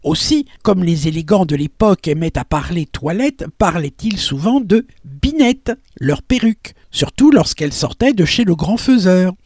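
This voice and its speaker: A man presenting a radio program, reading prepared texts aloud with lively, theatrical emphasis on the quotations. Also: high voice, moderate pace, few pauses, dry recording, studio quality. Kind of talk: scripted radio narration.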